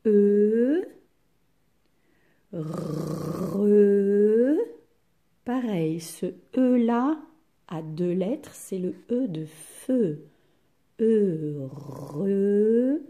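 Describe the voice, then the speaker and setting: A woman teaching a spelling lesson to young children, patient and deliberate, sounding out each syllable. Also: fairly low pitch, warm tone. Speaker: primary school teacher.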